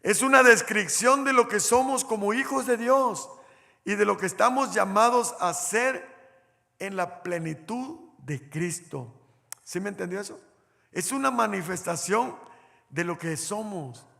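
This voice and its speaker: A man's voice: sits high, unhurried, gravelly, pushed and bright. A man preaching a sermon as pastor, telling a personal story and speaking straight to the congregation. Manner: storytelling, addresses the congregation directly. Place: church hall. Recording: church hall reverb.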